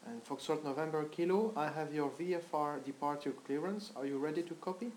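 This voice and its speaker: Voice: mid-range voice, fairly quick, darkish tone. Echoey, procedural air traffic control voice. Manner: procedural, orderly phrasing. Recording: echoey with background noise.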